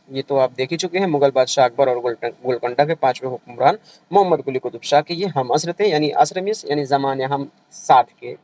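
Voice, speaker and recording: A man with a fairly high voice teaches an exam-revision class, going over each point more than once. His delivery is patient and methodical. He checks in with his students often to make sure they are keeping up. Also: a little mellow, rough recording. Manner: explains patiently, repeats points, often checks with "theek hai". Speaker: Urdu exam-prep teacher. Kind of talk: online revision lecture.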